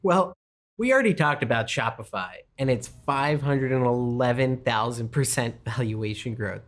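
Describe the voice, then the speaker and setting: A man's voice: mid-range voice, moderate pace. Emphatic salesman-like man presenting figures. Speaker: co-host and investment analyst. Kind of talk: scripted promotional presentation.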